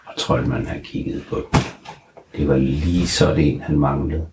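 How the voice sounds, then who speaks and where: A man's voice: a bass voice, steady tone, vocal fry, reverberant, background noise. A man improvising a children's story, narrating playfully with laughing asides.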